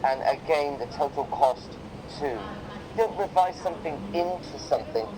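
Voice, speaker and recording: A man tutoring English one to one in a casual, explanatory way, softening his corrections with tentative phrasing. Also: on the high side, normal speed, noisy background. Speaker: English teacher correcting writing.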